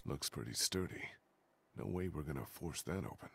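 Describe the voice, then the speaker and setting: A man's voice: very deep voice, expressive, moderate pace, creaky, slightly rough, heavily acted. An actor playing a weary, earnest, protective man surviving a zombie apocalypse in a video game. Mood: searching, subdued.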